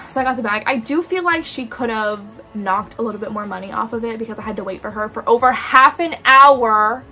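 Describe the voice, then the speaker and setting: A young woman chatting casually in a storytime vlog, animated, filling her talk with "like" and quoted asides. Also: mid-range voice. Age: young adult. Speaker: vlogger.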